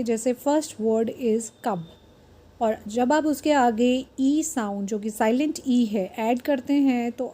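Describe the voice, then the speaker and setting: Slow, mellow-voiced woman teaching phonics. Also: a little high. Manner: slow, deliberate word-by-word pronunciation drills; mixes Hindi and English explanation. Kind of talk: phonics lesson.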